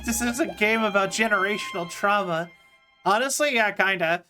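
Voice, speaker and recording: A woman's voice: medium pitch, normal speed, sharp tone. A woman chatting casually on a game livestream as a VTuber, with a cute, upbeat anime-streamer delivery. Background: game music.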